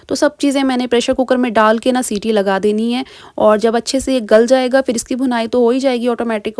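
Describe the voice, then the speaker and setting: A young woman narrates her home vlog in a quick, chatty voice and keeps turning to her viewers with questions. Her voice sits a little high. The close mic sounds dry, with no room echo. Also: a little mellow. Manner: chatty, fast, asks viewers directly. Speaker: vlogger. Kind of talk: casual vlog voice-over.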